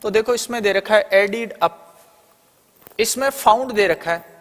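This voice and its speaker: A man's voice: high-pitched, measured pace, a bit bright, long reverb tail. A man with an Indian accent teaching an online exam-prep lesson, explaining step by step and posing questions he then answers himself. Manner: explains step by step, often asking and answering his own questions.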